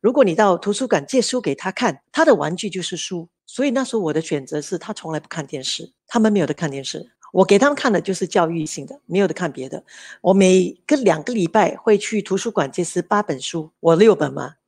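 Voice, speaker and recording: Lively woman telling stories. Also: lowish voice, quick pace, slightly rough. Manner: lively anecdotes, mixes English words into Mandarin. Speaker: interview guest, mother of three. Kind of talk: casual storytelling interview.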